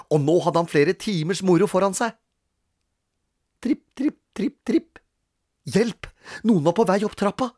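A reader narrating a children's storybook in a playful, expressive way, acting out sounds and pauses. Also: mid-range voice, no echo, studio quality. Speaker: audiobook reader.

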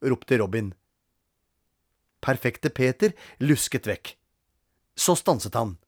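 Expressive storybook narrator, playful timing, animated pitch, dry booth sound. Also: no echo. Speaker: audiobook reader.

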